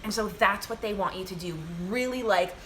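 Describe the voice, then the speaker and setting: A woman giving a live spiritual reading from home, talking gently and repeating herself, with many fillers and restarts. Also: mid-range voice, normal speed, a little hiss or hum. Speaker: spiritual reader.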